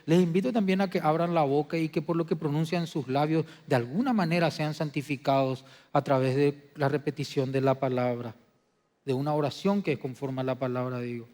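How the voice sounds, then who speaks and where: A pastor delivers his sermon in a fairly high voice. He moves between soft, hushed testimony and loud, emphatic preaching. The church hall adds a long reverb behind him. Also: steady tone, fairly quick. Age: adult. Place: church sanctuary.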